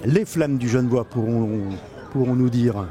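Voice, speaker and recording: With a warm, mid-range voice, a man covers an event live from a town street among a crowd, serving as both reporter and club president. His on-the-spot commentary is halting, full of pauses and repetition, and crowd and street noise surround the outdoor recording.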